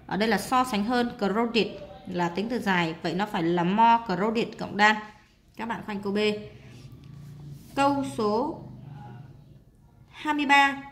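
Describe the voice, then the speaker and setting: A young adult woman teaching a class. She goes through a workbook answer by answer in a patient, repetitive way. She fills her pauses with frequent little hesitations. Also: on the high side. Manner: patient, repeats each answer, frequent filler "à". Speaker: English teacher.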